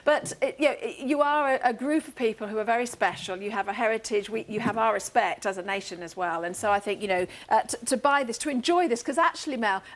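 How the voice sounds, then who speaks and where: Fast-talking, effusive woman presenter. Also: on the high side. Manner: effusive, admiring and encouraging. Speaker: shopping channel presenter. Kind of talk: live TV studio interview.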